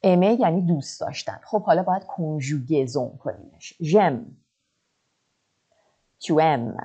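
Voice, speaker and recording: A woman teaching a French lesson online, drilling verb forms slowly and explaining quickly between them. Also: low-pitched, mellow, breathy edge. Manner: slow deliberate French drills, quick asides.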